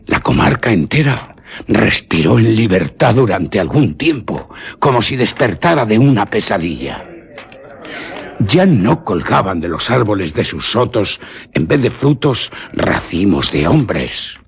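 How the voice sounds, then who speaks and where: This man's husky, rough-edged voice sits on the low side and is very animated. He narrates a suspense story deliberately and theatrically, in the style of literary radio theatre.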